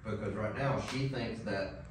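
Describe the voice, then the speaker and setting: A man working as a dog trainer, coaching an owner in a relaxed, explanatory way with many "like" and "right?" checks. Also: on the low side, unhurried, noisy background. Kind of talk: casual instruction. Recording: very echoey room, mic at a distance.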